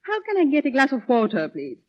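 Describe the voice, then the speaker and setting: A woman's voice: sits high, huge pitch swings, quick pace, dull audio. An actress playing a feisty, fussy young woman, teasing and blunt in an old film comedy style. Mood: airy, sardonic. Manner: theatrical, blunt, teasing, complaining.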